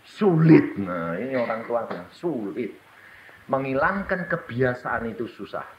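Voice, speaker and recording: Animated preacher. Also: male voice, unhurried, highs cut off, slight background noise. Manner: animated, swings between loud high exclamations and low murmurs. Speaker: evangelist preacher. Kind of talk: sermon.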